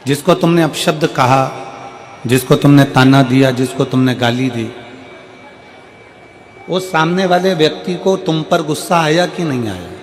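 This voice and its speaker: A man's voice: a little high, normal speed, long pauses. A male preacher giving a devotional sermon, building his point by repeating phrases and calling on the crowd to answer. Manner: repetitive rhetorical preaching, asks crowd to answer. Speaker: katha preacher. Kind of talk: devotional sermon with bhajan singing. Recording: long hall reverb with loud music.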